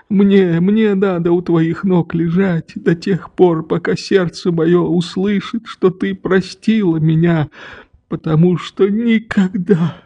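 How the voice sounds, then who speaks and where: A man's voice: high voice, mellow, muffled recording, voice pushed up, heavily acted. A man reading the part of an old grieving father who tenderly begs his daughter's forgiveness, in a trembling, pleading voice. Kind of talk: audiobook reading.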